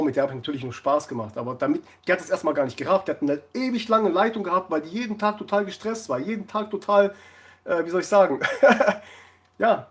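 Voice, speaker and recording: A man chatting casually on a live stream, rambling through anecdotes and laughing often. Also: fairly high pitch.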